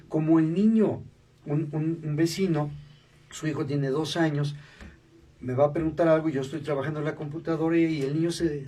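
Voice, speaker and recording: As a guest in a radio studio, a man animatedly tells stories during an interview, acting out the voices of people he quotes and tagging remarks with "¿no?". His voice is fairly high and slightly rough, recorded on a distant mic with faint background noise.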